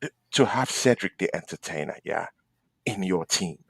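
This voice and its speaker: A man hosting a fan debate show, ranting passionately about his team and swinging between loud outbursts and quiet asides. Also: low voice, expressive, moderate pace, gravelly, breathy edge, dry recording. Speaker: fan channel host. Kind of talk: heated football fan debate.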